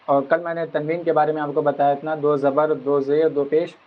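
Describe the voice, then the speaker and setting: A man teaching a Quran reading lesson, explaining patiently and drawing out each sound slowly as he spells it. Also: on the high side, little pitch movement. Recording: dull lo-fi recording.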